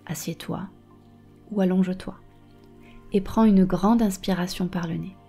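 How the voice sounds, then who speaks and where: A woman guiding a meditation softly and slowly, close in your ear, with a breathy voice that often slips toward a whisper. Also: fairly low pitch, fairly even intonation, faint music behind. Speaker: meditation and hypnosis guide. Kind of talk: guided meditation, soft and slow.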